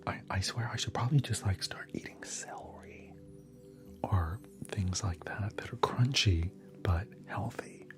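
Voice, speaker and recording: A low-voiced man keeps almost everything in a soft, breathy whisper as he hosts an ASMR livestream. He chats easily and replies to viewer comments one by one, with clear music playing behind him. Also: a little slow. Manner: chatty, answers viewer comments aloud between snacks.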